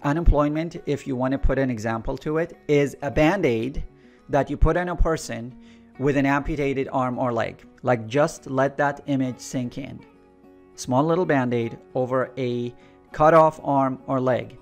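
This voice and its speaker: An earnest man from Iraq talks straight to his listeners as an energy intuitive. His voice sits at a mid pitch, and he repeats key phrases for weight. Soft guitar music plays faintly underneath. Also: moderate pace, gravelly. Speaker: energy intuitive channel host. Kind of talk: spiritual monologue to camera.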